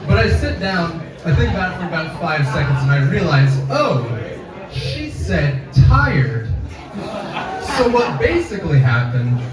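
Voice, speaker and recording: Young male student comic, deadpan delivery, slightly high voice, echoey room, mic distant, crowd laughing. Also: moderate pace. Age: young adult. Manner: deadpan, self-deprecating delivery. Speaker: student stand-up comedian. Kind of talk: stand-up comedy set. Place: campus coffee house stage. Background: audience laughter.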